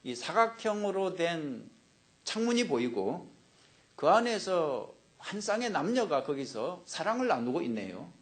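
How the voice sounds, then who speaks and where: A man's voice: fairly high pitch, sing-song, a little slow. A man voicing an indignant male patient in a joke, describing what he sees and then protesting. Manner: defensive, rising to an angry protest. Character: indignant man at a psychiatrist's office.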